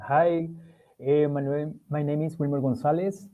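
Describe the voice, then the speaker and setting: A man's voice: fairly high pitch, fairly even intonation, unhurried, warm tone. A man from Venezuela, a law student, introducing himself on a video call in a hesitant way, with fillers and restarts. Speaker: program fellow and law student. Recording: tinny phone-like call audio.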